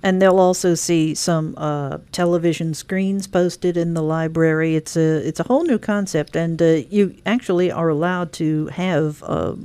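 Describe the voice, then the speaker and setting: A woman with a fairly low voice hosts a radio talk segment. She moves briskly from one item to the next, promoting each event on the list. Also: fairly even intonation, warm tone, clear, resonant tone. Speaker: radio show host. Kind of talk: scripted-sounding radio interview.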